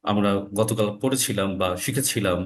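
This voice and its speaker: A man with a voice on the low side teaches Quran recitation, going over how to pronounce Arabic letters in an online lesson. He is slow and deliberate, saying each sound again for his learners.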